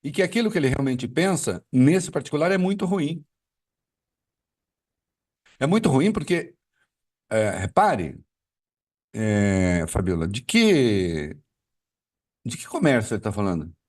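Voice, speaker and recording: A man's voice: medium pitch, very animated, measured pace, long pauses, darkish tone, recorded from a distance. A man giving live political commentary, arguing with rhetorical questions and frequent fillers.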